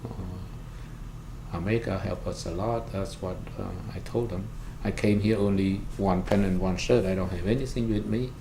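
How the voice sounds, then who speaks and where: Recounting his personal experience for an oral history interview, a pastor and refugee services worker speaks halting, simply phrased English with a Cambodian accent, Khmer being his native tongue. His pitch sits low and his intonation is fairly even; the room echoes and background noise is clear.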